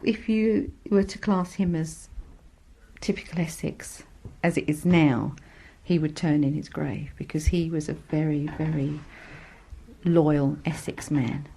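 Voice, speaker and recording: A woman's voice: low-pitched, a little slow, creaky, mellow, breathy edge. A woman talking fondly and conversationally about local speech in an interview. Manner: fond, conversational. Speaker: oral history contributor. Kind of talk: chatty interview talk.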